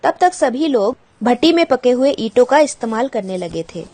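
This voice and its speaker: A woman's voice: a little high, expressive, moderate pace, mellow. A woman teacher patiently explaining a school textbook chapter to children, glossing English words and asking the pupils questions.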